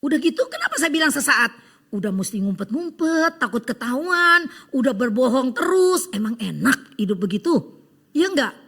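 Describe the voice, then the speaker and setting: Bright high-voiced woman preaching. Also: moderate pace, slightly rough. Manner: lively storytelling, acting out voices in a joke; engages the congregation with call-and-response. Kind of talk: sermon.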